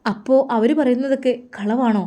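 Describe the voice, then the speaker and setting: A woman's voice: a little high, fairly even intonation, moderate pace, warm tone, pitched above the performer's own voice, close to an everyday voice. Woman voicing a tearful mother. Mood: anxious. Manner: tearful, pleading, repeatedly calling her son. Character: grieving middle-aged mother, anxious and pleading.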